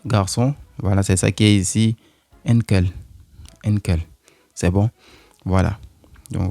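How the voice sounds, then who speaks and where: Male language teacher, low mellow voice, unhurried, repetitive, faint music under a dry recording. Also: creaky, dry recording. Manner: slow, repetitive, with many fillers. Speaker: German teacher. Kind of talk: online German lesson explained in French.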